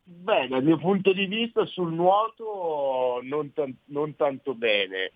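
A man in his thirties joins a radio show by phone, speaking eagerly with frequent pauses. The line is thin and tinny. It sounds very dry and close. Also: a little high, lively intonation, dry recording. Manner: enthusiastic, halting. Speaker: guest athlete.

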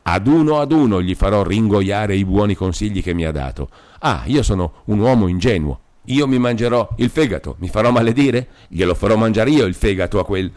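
A distraught middle-aged clerk, as a man reads him aloud, raises his deep, dark voice somewhat higher and louder. He shouts in anguished, self-reproaching outbursts, fists clenched in fury, in a storybook reading. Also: animated, brisk, lightly acted. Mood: vengeful.

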